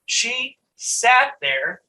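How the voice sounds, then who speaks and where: A middle-aged man coaching a live online session in a bright, high-pitched voice that climbs and drops with every point. He talks casually to his viewers, laughing and restarting sentences as he goes. A faint hiss of background noise sits under his computer mic. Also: very slow, low-quality recording. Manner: animated, conversational, often laughing and restarting. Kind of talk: live online training talk.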